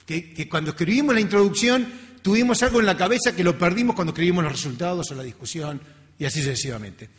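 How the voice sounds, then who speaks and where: In a reverberant lecture hall, a middle-aged man with a Latin American accent, a research scientist, delivers an informal academic talk with a conversational, self-deprecating manner. He sounds high-pitched and animated, speaking at a quick pace.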